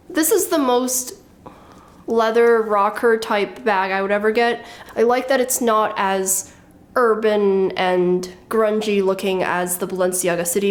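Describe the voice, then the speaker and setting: A woman in her thirties talks through a casual show-and-tell vlog in a wry, matter-of-fact way. Her voice sits at an ordinary middle pitch for a woman. She explains each point plainly and lightly. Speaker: fashion vlogger.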